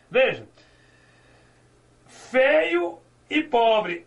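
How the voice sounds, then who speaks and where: A man's voice: extremely high pitch, gravelly, sharp tone. A male teacher giving a grammar lecture, asking and answering his own questions and drawing out key words. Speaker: Portuguese teacher.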